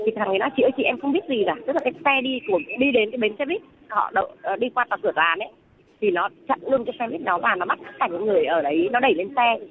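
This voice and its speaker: A woman from Vung Tau who is calling in as a protester and telling her story in an agitated, rambling way. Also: fairly high pitch. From Vung Tau, southern Vietnam. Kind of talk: phone interview. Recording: tinny phone line with faint noise.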